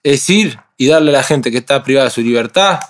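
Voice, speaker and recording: Young man, Uruguayan accent, casual interview, lively slang storytelling, middle pitch. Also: fast talker. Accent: Uruguayan Spanish. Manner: animated street slang storytelling, acts out others' voices. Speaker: rapper guest.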